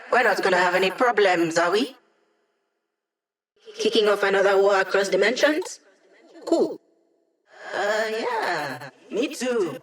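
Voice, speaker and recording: A woman voicing a quick, cheeky young hacker in a video game, with playful, breezy, teasing banter. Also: medium pitch, close to an everyday voice. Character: quick, cheeky young female hacker, digital helper to a villain squad. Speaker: video game character giving mission support. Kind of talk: scripted video game voice lines.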